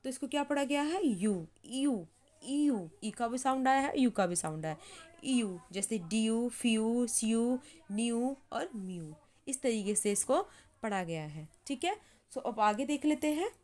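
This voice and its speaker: A woman teaching English pronunciation in Hindi, repeating each word slowly as she writes it and checking in with "ठीक है" again and again. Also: a little high, expressive, a little mellow. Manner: repeats words slowly while writing, says "ठीक है" often. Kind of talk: slow explanatory lesson.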